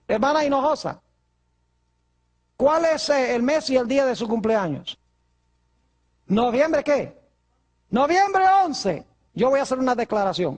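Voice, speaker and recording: A male pastor preaching a sermon, asking his congregation rhetorical questions. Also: very high voice.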